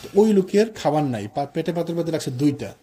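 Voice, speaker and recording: A man's voice: fairly high pitch, lively intonation, fast talker, mellow, breathy edge. A man preaching a conversational sermon in a mosque, mixing quoted prayers with casual asides. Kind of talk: sermon on the life of the Prophet.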